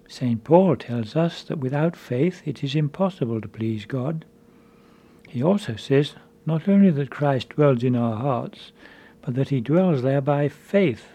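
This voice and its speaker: A man giving a measured, earnest spiritual conference talk as a preacher. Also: medium pitch, warm tone, slightly rough.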